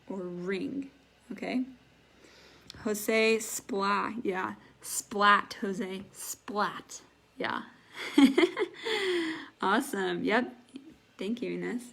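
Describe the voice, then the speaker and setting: A woman's voice: medium pitch, creaky, a little hiss or hum. A woman teaching a live online English class, patiently explaining words and encouraging her students. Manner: patient, encouraging, imitates sound effects.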